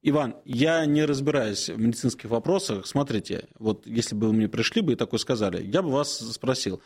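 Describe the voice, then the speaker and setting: An Orthodox priest in his forties answers questions on a call-in advice show, speaking unhurriedly at a middle pitch with a breathy edge. He pauses often, filling the silences with hesitant sounds as he offers gentle counsel.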